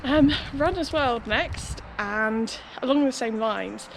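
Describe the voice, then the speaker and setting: Young woman, higher-pitched voice, chatty casual running vlog, outdoor recording with clear traffic noise. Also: slow. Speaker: running vlogger. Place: outdoors beside a busy city road.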